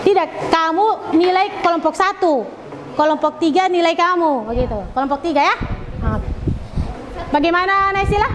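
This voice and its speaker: High-voiced woman teacher in a classroom. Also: normal speed, in a large hall, very noisy. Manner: directive, checks on students often. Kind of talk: classroom instruction.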